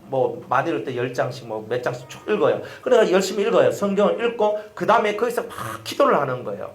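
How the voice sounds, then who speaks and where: A middle-aged man preaching a sermon as a pastor, animated and repetitive, often asking the congregation questions. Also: high voice, roomy sound. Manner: animated, repeats phrases and asks the congregation questions.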